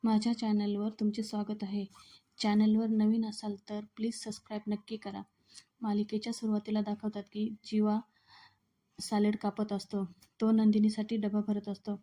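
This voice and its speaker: Woman channel host narrating a serial recap; flat, dark, steady storyteller. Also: mid-range voice, normal speed. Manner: steady storytelling, reads out every character's lines.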